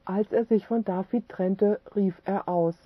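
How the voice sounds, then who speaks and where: A woman reading a religious book aloud as scripted narration, steady and measured. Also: mid-range voice, breathy edge, dry recording. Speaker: audiobook narrator. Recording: tinny phone-like dry audio.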